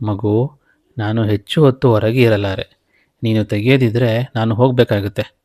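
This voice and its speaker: A man's voice: on the low side, steady tone, normal speed, dark tone, no echo, studio quality, natural voice. A man voicing a ghost that poses as a loving mother, coaxing and insistent.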